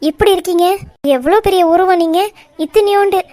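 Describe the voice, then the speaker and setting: A woman's voice: very high voice, steady tone, a little fast, dark tone, dry recording. A woman voicing a bold, fearless young bride-to-be in a cartoon, teasing her elders cheekily. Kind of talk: cartoon voice acting.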